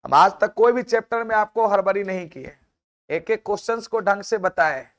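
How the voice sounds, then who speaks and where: A man with a noticeably high voice and a Bihari Hindi accent teaches a math class. He talks in a chatty way, scolds his students and keeps asking rhetorical questions. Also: normal speed, fairly bright tone. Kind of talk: classroom lecture with side talk.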